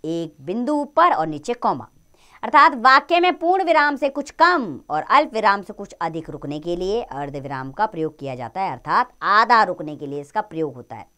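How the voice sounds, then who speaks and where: A woman teaching children a grammar lesson, speaking in an expressive, explaining tone. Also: moderate pace, smooth. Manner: expressive, rises and falls in pitch.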